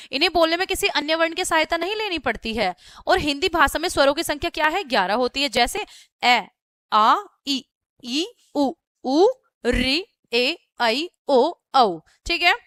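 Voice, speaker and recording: In a high-pitched, fairly bright voice with no echo, a woman walks children through a classroom-style grammar lesson. She asks questions and supplies the answers, spells words out letter by letter, and repeatedly checks in with "ठीक है," meaning okay.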